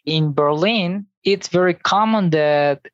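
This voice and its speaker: A guest from Venezuela speaks English with a Venezuelan Spanish accent, easygoing and halting. The voice sits mid-range and the audio is dry and a touch dull, like lo-fi sound. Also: medium pitch, dry recording. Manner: easygoing, talks in loose halting phrases. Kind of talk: casual interview chat.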